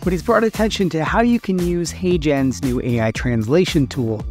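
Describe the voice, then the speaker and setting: Steady man explaining a tutorial. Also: a little high, moderate pace, faint music behind. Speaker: tutorial host.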